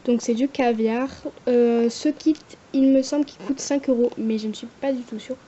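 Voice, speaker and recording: Young woman, casual nail vlog, hesitant, fillers, slightly high voice, lo-fi recording. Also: steady tone, normal speed, mellow, a little hiss or hum. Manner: chatty, hesitant, many fillers. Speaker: nail art vlogger. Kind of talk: casual product review.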